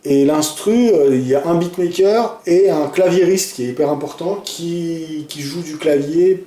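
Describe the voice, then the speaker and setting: A man co-hosting a casual music podcast, talking about a song he loves with frequent hesitations and clear enthusiasm. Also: fairly high pitch, unhurried, warm tone. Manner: hesitant, many fillers, enthusiastic. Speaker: podcast co-host presenting a song. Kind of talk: casual chat. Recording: echoey room.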